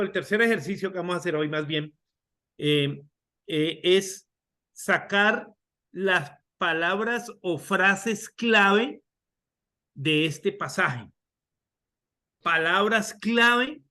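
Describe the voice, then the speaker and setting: A high-pitched man leads a Bible class over a video call. He talks slowly and unhurriedly, often repeating and restarting his words and asking the class questions as he goes. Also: sharp tone. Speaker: Bible study teacher.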